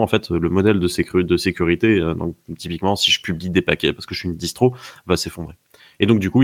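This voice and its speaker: Man, very deep gravelly voice, dry sound, measured technical talk, many fillers. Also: dry recording. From France. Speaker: security expert co-host. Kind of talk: casual technical explanation.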